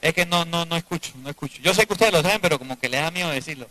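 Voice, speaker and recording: Male priest, sermon to a live congregation; bright, forceful tone, drops to a hush between emphatic questions. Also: fairly high pitch, rapid-fire, poor audio. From Venezuela. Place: church before a live congregation.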